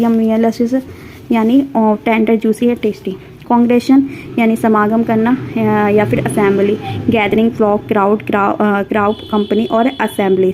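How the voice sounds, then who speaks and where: A woman teacher drills word lists in a casual class. Her voice sits a little high but stays flat and mellow, moving through the words with fillers and quick corrections. Faint noise hums under the recording. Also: low-quality recording. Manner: reads word lists in steady run, with fillers and self-corrections. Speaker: vocabulary teacher.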